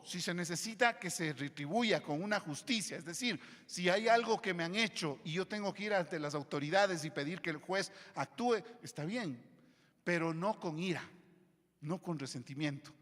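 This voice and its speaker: A man preaches from the pulpit, his voice sitting a little high for a man. He swings between loud, emphatic lines and quiet, low asides. A long church reverb trails after each phrase. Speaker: pastor. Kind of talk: sermon. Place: church hall.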